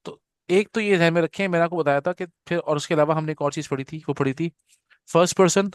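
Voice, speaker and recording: A man teaching an Arabic grammar class. He repeats each term slowly and keeps checking that his students follow. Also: fairly high pitch, clean tone, no echo, studio quality. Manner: patient, repeats terms slowly with frequent "theek hai na" check-ins; leads students in call-and-response repetition. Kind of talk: live grammar lesson.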